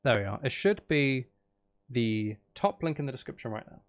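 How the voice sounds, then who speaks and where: A man who hosts his own channel is live-streaming a game, his medium-pitched voice moving at a moderate pace with lively intonation. He chats casually and playfully, talking to chat as well as to himself.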